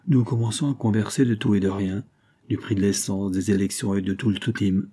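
Low husky male crime narrator. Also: fairly even intonation, a little fast, mellow. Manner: colloquial, wry slangy delivery. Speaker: audiobook narrator. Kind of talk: first-person crime novel narration.

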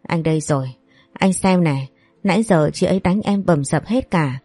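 A woman's voice: on the low side, normal speed, dark tone, no echo, faint music behind, lightly acted. A woman voicing a spiteful, scheming young woman who sneers and insults her rival. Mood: fake whining.

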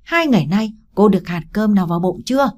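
A woman's voice: mid-range voice, expressive, fast talker, a little mellow, lightly acted. A woman voicing a curt, terse young husband. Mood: blunt. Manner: terse, blunt. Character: curt cool young husband, man of few words.

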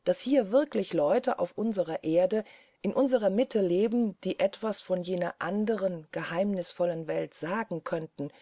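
Woman reading a lively, sceptical young lady. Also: on the low side, no echo. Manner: brisk and mocking.

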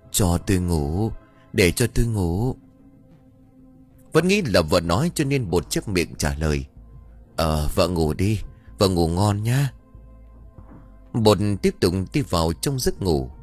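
A man narrates a scripted ghost story in a fairly low voice. His pitch swings widely as he tells it expressively, with faint music underneath.

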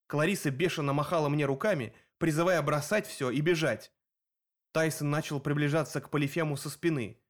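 A man reading a first-person action audiobook aloud in a steady, vivid storytelling manner. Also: fairly high pitch, brisk. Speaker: audiobook narrator. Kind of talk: first-person scripted narration.

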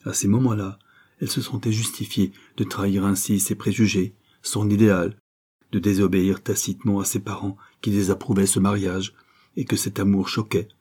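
A man narrating a classic novel as an audiobook in a measured, expressive manner. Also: fairly low pitch, breathy edge.

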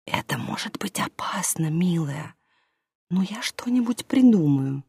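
A woman voicing a gentle, anxious young female nanny in a hushed, breathy whispered role-play. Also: medium pitch, sing-song, moderate pace, no room sound, pitched above the performer's own voice.

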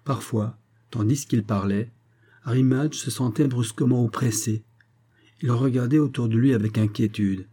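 A man reading a French novel aloud as an audiobook, in measured, dramatic narration. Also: mid-range voice, fairly even intonation, warm tone, breathy edge. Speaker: audiobook reader.

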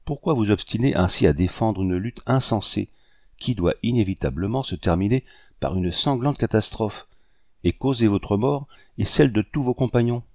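Earnest young lady, voiced by a man, gentle, pleading, courteous, lifted pitch over a low voice, dry close sound. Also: expressive, moderate pace, no echo. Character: earnest young French lady of colonial gentry.

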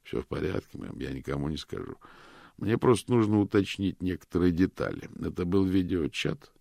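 A man voicing a calm, polite male detective questioning someone on the phone. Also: sits low, normal speed, gravelly, no room sound, clean studio sound, full character voice.

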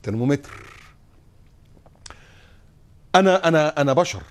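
An animated Egyptian preacher with a fairly high voice. He throws out rhetorical questions and jumps into little acted scenes mid-sermon. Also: a little slow.

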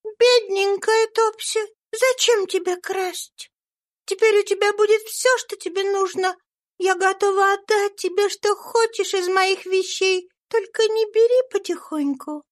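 A woman voicing a gentle but sometimes commanding little girl in a high childlike voice. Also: steady tone, moderate pace. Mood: tender. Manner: high childlike voice, soft and pleading.

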